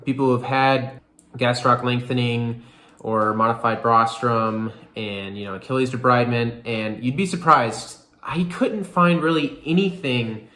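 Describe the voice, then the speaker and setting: A man's voice: mid-range voice, a little slow, sharp tone. Rambling young man in an echoey room. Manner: rambling, lots of fillers like "you know" and "like". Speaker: vlogger. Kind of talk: casual recovery update vlog.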